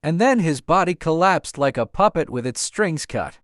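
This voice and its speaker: Animated man narrating dark horror. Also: fairly high pitch, moderate pace, no echo, studio quality. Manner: suspenseful, theatrical delivery.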